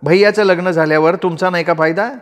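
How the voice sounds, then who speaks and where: A man's voice: high-pitched, steady tone, fast, voice pushed up, close to an everyday voice. A man voicing a playful young housewife who teases her brothers-in-law, in an audiobook story. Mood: teasing. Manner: playful, teasing. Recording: roomy reverb.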